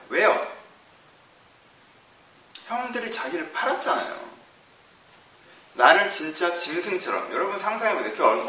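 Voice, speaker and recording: Fast, animated male preacher. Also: on the high side. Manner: asks the audience rhetorical questions. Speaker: pastor. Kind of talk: sermon. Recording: echoey hall from far off.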